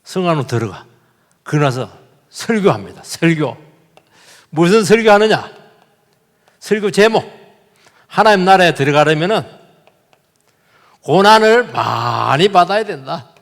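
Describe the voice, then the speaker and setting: A male pastor delivers a Sunday sermon in a church sanctuary, leaning hard on rhetorical questions to the congregation. His voice sits a little high and moves with lively, wide swings in pitch. The sound carries a long reverberant tail from the hall. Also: unhurried, vocal fry, pauses often.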